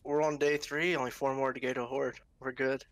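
A man's voice: medium pitch, little pitch movement, brisk, a loud crowd. A young man chatting casually while playing a co-op game, laughing and joking often. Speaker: gamer. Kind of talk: casual co-op gaming chat.

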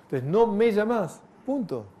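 A man's voice: sits high, sing-song, measured pace, warm tone. A middle-aged man gives a reflective spiritual talk to an audience. He poses rhetorical questions and adds touches of light humor. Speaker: spiritual lecturer.

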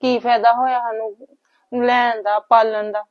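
A woman's voice: fairly high pitch, little pitch movement, measured pace, dull audio. A woman playing an anxious, emotional mother who scolds and worries in a family drama. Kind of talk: scripted family drama acting.

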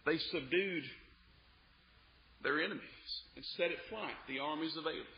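A man with a high, ringing voice preaches with fervor, drops into quiet asides, then builds to near-shouting through rhythmic repeated phrases. The recording sounds dull and lo-fi, with the top end muffled, as if taped in a church. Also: normal speed, a little hiss or hum. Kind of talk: sermon.

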